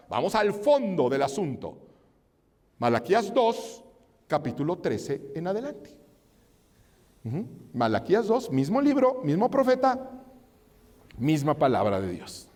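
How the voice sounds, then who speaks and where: A man preaching a sermon, swinging between loud emphatic rises and low, quiet drops. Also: long reverb tail. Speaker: pastor. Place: church hall.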